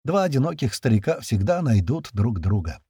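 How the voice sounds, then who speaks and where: A man voicing a weary, wry old man with a hoarse voice in an audiobook. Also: medium pitch, big pitch swings, moderate pace, mellow, no room sound, studio quality, heavily acted.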